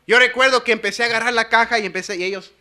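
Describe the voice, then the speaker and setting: Bright-voiced preacher. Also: male voice, extremely high pitch, racing. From Los Angeles, USA. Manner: lively storytelling, building to fervent shouting. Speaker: pastor. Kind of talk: sermon at a youth conference.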